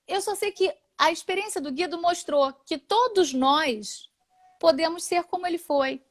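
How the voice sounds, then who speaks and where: A woman with a Brazilian Portuguese accent gives an emotional personal testimony as an interview guest. She is an animated storyteller who acts out the people she quotes. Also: extremely high pitch, moderate pace.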